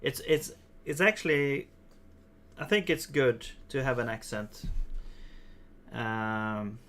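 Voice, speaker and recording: A Swedish man livestreams himself coding in a casual way, thinking aloud in mumbled half-sentences and chuckling from time to time. His voice sits at a medium pitch with lively intonation, and he speaks slowly in a slightly bright tone. There is a little background noise.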